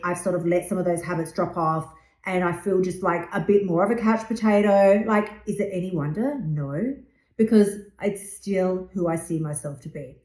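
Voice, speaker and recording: A woman's voice: fairly low pitch, dark tone. A woman in her fifties hosting a motivational podcast, talking bluntly and emphatically and swearing freely. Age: 50s. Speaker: podcast host and weight loss coach. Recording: roomy echo.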